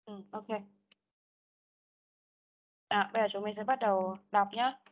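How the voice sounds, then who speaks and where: A woman's voice: medium pitch, fairly even intonation, unhurried, phone-quality sound. A woman teaching an English vocabulary class online, patiently calling out words one at a time for pupils to repeat. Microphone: computer mic on a video call.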